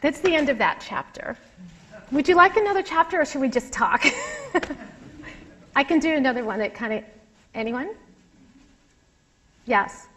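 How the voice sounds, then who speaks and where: A woman's voice: high voice, expressive, measured pace, pauses often, fairly bright tone. A middle-aged woman author reading from her memoir to a live audience and chatting between passages in a wry, candid way. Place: lecture room with a live audience.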